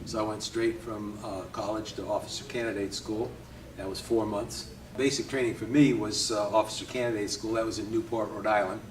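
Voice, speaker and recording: An older man from Connecticut, a Navy veteran, reminisces in an easygoing interview, often chuckling and pausing with hesitations. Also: on the low side, slight background noise. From Connecticut, USA. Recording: roomy, distant from mic, faint ambience.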